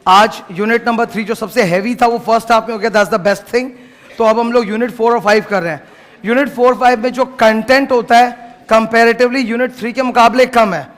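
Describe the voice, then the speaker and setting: A man's voice: very high voice, fairly bright tone. A man teaching law to a class in a casual lecture, stopping at times to scold the noisy students. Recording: long hall reverb.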